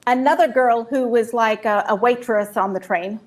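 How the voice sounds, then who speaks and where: A woman telling a personal story in short, vivid bursts and pausing for an interpreter. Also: fairly high pitch. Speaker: guest speaker. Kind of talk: personal testimony with live interpreter.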